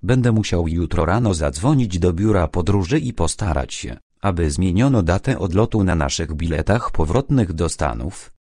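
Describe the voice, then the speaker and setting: A man's voice: low-pitched, expressive, normal speed, hardly any pauses, dark tone, husky, dry recording, clean studio sound. A man reading a fussy, erudite old professor. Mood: formal. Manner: formal, erudite, slightly fussy. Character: polite elderly American male professor, anxious father. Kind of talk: audiobook character reading.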